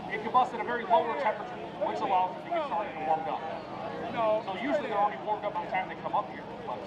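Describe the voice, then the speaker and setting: High-voiced man announcing amid loud crowd. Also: lively intonation, rapid-fire. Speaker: tractor pull announcer. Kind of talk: live event commentary with casual chat. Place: outdoors at a tractor pull track. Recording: dull outdoor PA, very loud crowd and engines.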